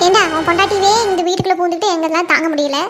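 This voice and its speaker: A piercingly high, shrill cartoon mother-in-law, voiced by a woman, who nags and scoffs at her son's wife. She rattles off her scolding at a breakneck clip. Her scorn rarely lets up. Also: over music. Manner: scornful, nagging, rapid scolding. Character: sharp-tongued scolding village mother-in-law. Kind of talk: cartoon voice acting.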